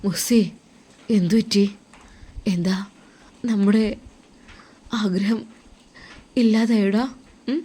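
A woman voicing a tender young husband far from home who gently consoles his crying wife in a told story. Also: medium pitch, steady tone, slow pace, pauses often, husky. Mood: soothing. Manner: gentle, coaxing, soothing. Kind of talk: storytelling role-play.

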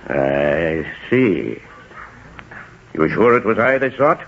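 A man's voice: deep voice, big pitch swings, slow, gravelly, a little hiss or hum, heavily acted. An actor playing a paranoid, cruel biblical tyrant king in a theatrical, probing 1940s radio drama style. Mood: suspicious, probing. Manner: theatrical, probing, sinister chuckling. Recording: dull 1940s radio recording.

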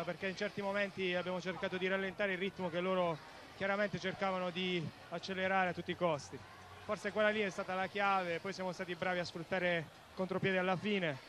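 Flat-toned male athlete in post-match interview. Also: high voice. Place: large indoor sports hall. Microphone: handheld interview microphone. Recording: noisy sports hall interview.

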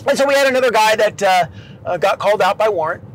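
Lively high-voiced man telling a story. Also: fast, rough recording. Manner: animated, acts out quotes with big swings in voice. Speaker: former Navy boat crewman. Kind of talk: casual storytelling to camera.

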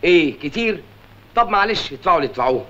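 A man's voice: sits high, lively intonation, rapid-fire, pushed and bright. A man playing a boastful, bumbling middle-aged insurance salesman with an Egyptian accent in a film comedy. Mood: eager. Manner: stammers when flustered, jokey and boastful. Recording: dull, noisy old film soundtrack.

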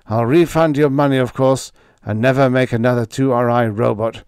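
A frightened, grey-haired scientist speaks earnestly, his words shaken, as a man puts him on. The voice sits clearly higher than the reader's usual low register. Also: fairly even intonation, normal speed, a little mellow, dry recording, clean studio sound, close to an everyday voice.

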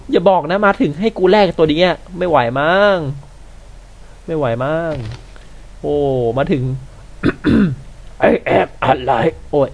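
A man's voice: fairly high pitch, takes it slowly, vocal fry, dull audio. A man commenting live as he plays a video game, exclaiming and swearing at what happens on screen. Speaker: gamer. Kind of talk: let's play commentary.

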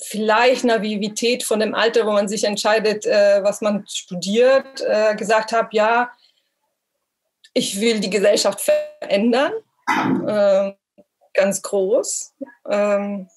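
A woman's voice: medium pitch, steady tone, slow pace. Woman speaking German, hesitant. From Italy. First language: Italian. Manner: hesitant, many fillers and restarts. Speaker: panel participant, cultural mediator. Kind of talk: casual discussion at a dinner table.

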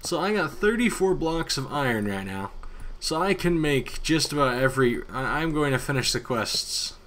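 A man giving casual, excitable commentary over his own gameplay, yawning and talking to himself. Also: a little high, moderate pace. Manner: chatty and excitable, talks to himself, hums along. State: sleepy, yawning. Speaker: gaming YouTuber.

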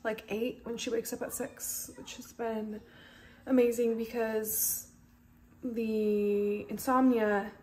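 Slow and a little high-pitched, her level voice carries a dark tone. She's a young adult, pregnant and tired, a stay-at-home mom vlogging casually at home in a big, bright kitchen and living room. Holding her phone at arm's length, she chats with plenty of fillers.

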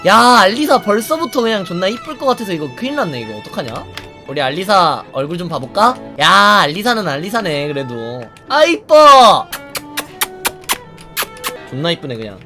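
A man streaming a fighting game, bantering crudely with lots of swearing, teasing and mock outrage, and answering viewer comments out loud. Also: high-pitched, big pitch swings, moderate pace, faint music behind. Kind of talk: casual gaming stream commentary.

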